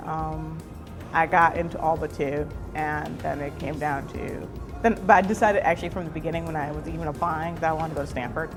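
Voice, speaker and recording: A young woman from Chicago chats candidly about her choices in a slightly low voice. Music plays underneath. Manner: chatty and candid. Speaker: law student. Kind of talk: unscripted interview answers.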